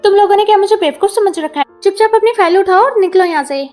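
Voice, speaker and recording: A woman voicing a defiant, sharp-tongued young heroine in a drama recap, speaking curtly. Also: very high voice, fast talker, soft background music.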